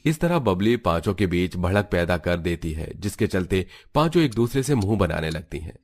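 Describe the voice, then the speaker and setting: Very deep-voiced male cartoon narrator. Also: big pitch swings, moderate pace. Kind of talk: scripted narration.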